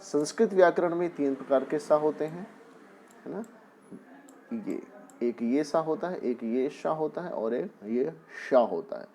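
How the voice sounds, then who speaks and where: A man's voice: on the high side, animated, measured pace, warm tone. Patient male Hindi teacher. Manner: patient, explains step by step with examples; often asks the class "है ना". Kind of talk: Hindi spelling lesson for children.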